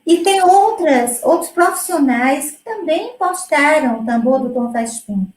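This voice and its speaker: A middle-aged woman, a music educator, talking through her work in a relaxed, explanatory way with many fillers and restarts. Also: sits high, measured pace, reverberant, rough recording. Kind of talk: conversational presentation.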